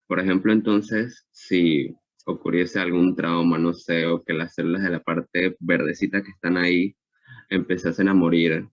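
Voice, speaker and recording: Deep-voiced hesitant male student. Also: no echo, muffled recording. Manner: hesitant, restarts often. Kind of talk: asking a question in class.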